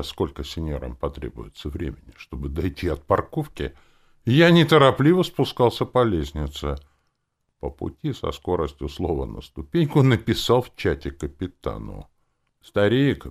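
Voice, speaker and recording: A man narrating a first-person audiobook in a wry, expressive way. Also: deep voice, normal speed, vocal fry, slightly rough.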